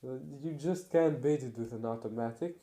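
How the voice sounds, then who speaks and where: A teenage boy vlogging casually, halting with fillers and restarts. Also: mid-range voice, dark tone. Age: teens. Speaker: car vlogger. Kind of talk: casual vlog talk.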